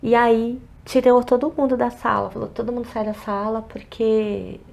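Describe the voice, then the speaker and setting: A woman with a Brazilian Portuguese accent, an interview guest telling an emotional personal story and acting out other people's words, often softly. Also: a little high, flat delivery, normal speed, creaky, a little hiss or hum. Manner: acts out quoted dialogue, often softly.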